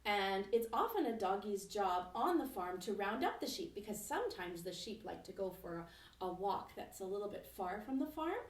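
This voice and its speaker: A woman music teacher leading a children's lesson at home, speaking gently and encouragingly and singing slow, simple verses. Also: medium pitch, sing-song. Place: home, kitchen nearby. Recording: roomy echo from a distance.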